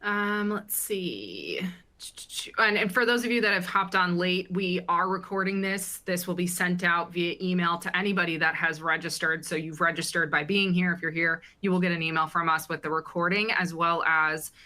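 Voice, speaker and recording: A woman's voice: fairly low pitch, normal speed, pushed and bright. Upbeat woman hosting a webinar. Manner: upbeat, with many ums. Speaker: webinar host.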